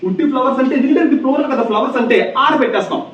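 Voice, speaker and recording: A man's voice: extremely high pitch, rapid-fire, a little hiss or hum. A male English grammar teacher in a classroom, repeating key points and firing questions at his students. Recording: echoey, distant, dull classroom recording.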